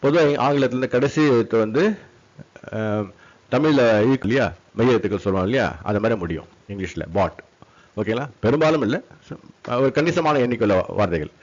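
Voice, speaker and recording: A man teaching an English pronunciation lesson in Tamil, patiently repeating example words slowly and often checking that the class understands. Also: medium pitch, lively intonation. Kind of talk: classroom lecture on syllables and stress. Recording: dull lo-fi sound.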